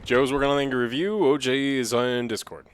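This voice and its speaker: A man's voice: medium pitch, a little fast, clean tone. A man co-hosting a game stream, chatting casually with a dry, teasing manner. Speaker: co-host playing a game on stream. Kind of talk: casual gaming chat.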